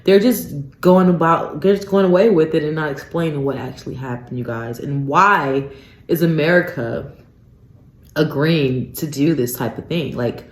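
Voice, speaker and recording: A woman's voice: deep voice, normal speed. A woman hosting a solo radio talk show, ranting in disbelief and tossing in "you guys" and "um" as she talks. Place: radio studio. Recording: roomy, echoey studio sound.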